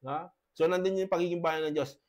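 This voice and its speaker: High-voiced halting pastor with a cough. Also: male voice, steady tone, a little mellow. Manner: halting, many tag questions. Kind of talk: debate presentation.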